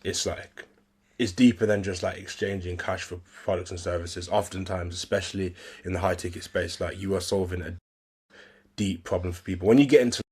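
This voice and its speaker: A man's voice: sits low, fairly even intonation, brisk, a little mellow, husky. A man who is a podcast guest, talking loosely with lots of "like" and "bro". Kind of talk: casual podcast chat.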